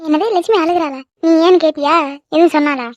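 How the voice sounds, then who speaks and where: A gentle aunt smooths over family quarrels in a cartoon, voiced by a woman. She speaks high and quickly. The sound is dry. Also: no echo, muffled recording, natural voice. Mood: calming. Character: soothing young aunt, calm peacemaker.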